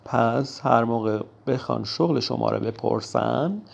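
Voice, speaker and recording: A man teaching a language vocabulary lesson, repeating each word slowly for pronunciation drill. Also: medium pitch, gravelly.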